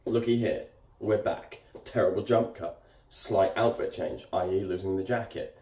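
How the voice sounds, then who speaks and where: A man's voice: sits low, moderate pace, warm tone, husky. A man vlogging on a walk with a phone held at arm's length, chatting in a rambling, joking, self-mocking way. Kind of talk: rambling casual vlog. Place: outdoors on a walk.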